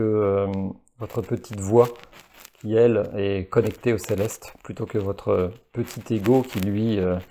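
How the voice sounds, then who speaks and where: A man reading a short text of his own, then reflecting on it in a halting way with many fillers and restarts. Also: lowish voice, dark tone. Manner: reads a text slowly, then talks freely. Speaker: spiritual video maker. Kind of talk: reflective spiritual monologue.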